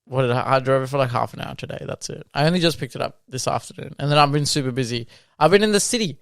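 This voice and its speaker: Gravelly smooth-voiced podcast co-host man. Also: mid-range voice, fast, fairly bright tone, no echo, studio quality. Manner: enthusiastic, rambling with fillers. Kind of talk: casual chat.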